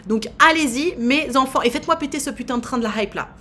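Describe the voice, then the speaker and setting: A woman's voice: high voice, fast, pushed and bright, a little hiss or hum. A woman in her thirties hosting a live stream, chatting casually in a teasing way with lots of fillers. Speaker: streamer host.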